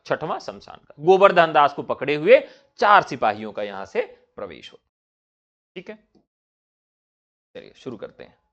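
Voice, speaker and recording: A man's voice: fairly high pitch, a bit bright. A man teaching a literature lesson, reading a play aloud and explaining stage directions. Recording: dull lo-fi recording.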